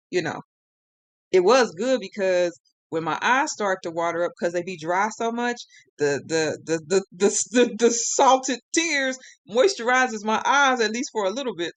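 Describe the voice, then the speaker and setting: Her voice sits on the lower side, with no echo, as this woman vents on a live stream. She's frustrated and close to crying, and her rambling rant keeps breaking off and starting over.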